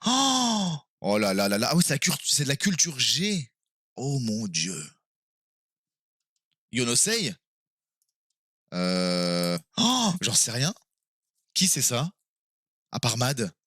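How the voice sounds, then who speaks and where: A man streaming live and playing a quiz game with his viewers, excitable and quick to exclaim and swear when he is stuck. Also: mid-range voice, husky, dry recording, clean studio sound.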